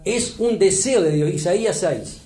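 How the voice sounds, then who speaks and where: A pastor delivers a sermon in a high, warm-toned voice. He leans into key words and slows down to read scripture. The sound carries the echo of a church hall. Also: animated. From Uruguay. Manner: preaching with rising emphasis, reads scripture slowly.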